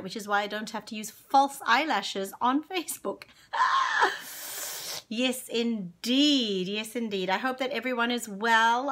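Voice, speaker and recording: A woman in her forties from Zimbabwe streams a kids' singalong live from a home room with plants and curtains, using a webcam at desk distance. Her voice is a little high with a fairly bright tone. Between songs she chats slowly and cheerfully, lovingly naming viewers as she greets them.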